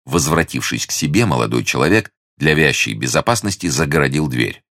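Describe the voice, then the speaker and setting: A man narrating a classic novel as an audiobook in a measured, even storytelling manner. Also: very deep voice, no echo, clean studio sound. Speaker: audiobook reader.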